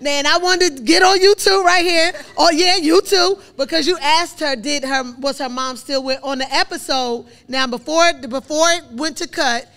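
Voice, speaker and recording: A woman's voice: high-pitched, normal speed, hardly any pauses, a bit bright. A woman hosting a live podcast, upbeat and calling on audience members for questions. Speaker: podcast host.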